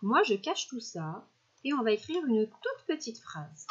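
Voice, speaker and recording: A woman primary school teacher giving a recorded spelling dictation, stretching out each word slowly and clearly with patient classroom talk. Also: on the high side, sing-song, lo-fi sound. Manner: slow, clear over-articulation of words, patient teacher talk.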